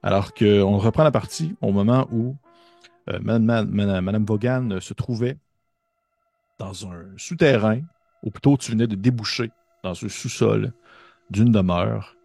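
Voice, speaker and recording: A man's voice: on the low side, a little slow, gravelly, mellow, no echo. A man with a Québécois accent narrating a tabletop horror game as game master, hesitant with many fillers and restarts.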